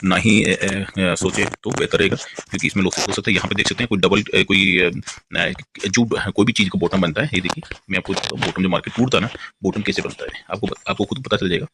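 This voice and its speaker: A man with a fairly low voice rattles through a stock chart walkthrough at high speed. He rambles, restarts, and keeps telling the listener to look here and there. A faint hiss sits under the voice. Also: fairly even intonation. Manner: repeatedly points things out, keeps saying "look here"; rapid rambling explanation with fillers and restarts. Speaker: stock market analyst. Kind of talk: screen-share chart walkthrough.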